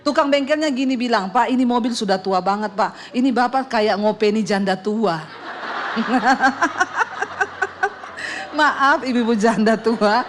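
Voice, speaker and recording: A woman's voice: on the high side, normal speed, few pauses, a little hiss or hum. A middle-aged woman pastor, preaching with humorous storytelling, quoted voices and sound effects. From Indonesia. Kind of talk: sermon.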